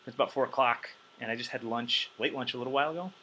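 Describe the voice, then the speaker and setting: Man, drum teacher, bright tone, chatty, counts beats aloud, faint room hum. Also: mid-range voice, racing, rough recording. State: wired on caffeine. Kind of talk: casual instructional talk.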